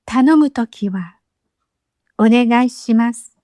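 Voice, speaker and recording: A woman teaching as a language teacher, narrating a scripted lesson with clear, patient explanations. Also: a little high, takes it slowly, dark tone, no echo, studio quality. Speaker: Japanese teacher.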